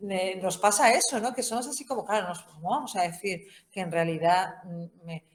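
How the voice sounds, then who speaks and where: A woman's voice: medium pitch, fairly quick. A woman with a Spain Spanish accent giving an informal Bible course talk, conversational and humorous, often tagging her sentences with questions. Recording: roomy echo.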